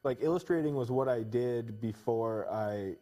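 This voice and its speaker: A man's voice: mid-range voice, a little slow. A man, a painter and illustrator, answering interview questions modestly and with hesitation. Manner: modest, hesitant, soft-spoken. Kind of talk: casual interview chat.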